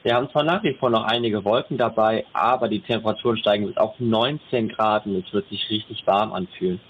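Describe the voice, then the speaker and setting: A man's voice: lowish voice, brisk, husky. A man reading a casual weather report as an answering machine message, friendly and chatty with small slips and self-corrections. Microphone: telephone. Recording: tinny answering-machine phone line with faint hiss.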